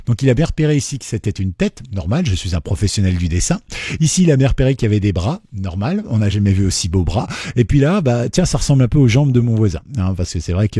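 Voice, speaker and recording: Male tutorial host: dark, slightly husky tone, chatty and self-deprecating, dry recording. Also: medium pitch, no echo. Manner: jokey, self-mocking, chatty. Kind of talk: casual screen-recorded tutorial.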